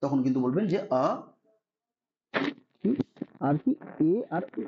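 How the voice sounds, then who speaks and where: A man's voice: medium pitch, animated, slow pace, highs cut off. A man teaching a Sanskrit grammar lesson online, patiently spelling out rules and often checking that students follow. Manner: patient, repeats "ঠিক আছে" to check understanding.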